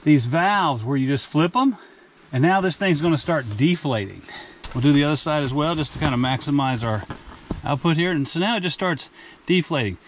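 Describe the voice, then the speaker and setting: Chatty higher-voiced man reviewing camp gear. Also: animated, a little fast, a little hiss or hum. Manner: chatty, plainspoken, with frequent restarts. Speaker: outdoor vlog host. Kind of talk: casual product review vlog. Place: outdoors in a forest campsite and inside a rooftop tent.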